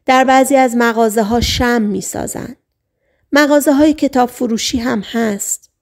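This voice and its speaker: A woman reading the part of a hypnotized patient who relives a past life as a male sailor, speaking in short, halting sentences as if in a trance. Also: a little high, natural voice. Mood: dreamy. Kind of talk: audiobook reading.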